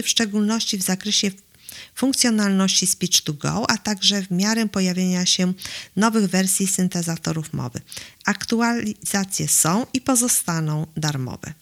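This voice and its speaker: A woman's voice: mid-range voice, normal speed. Synthetic female text-to-speech announcer. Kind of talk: scripted product announcement, read aloud.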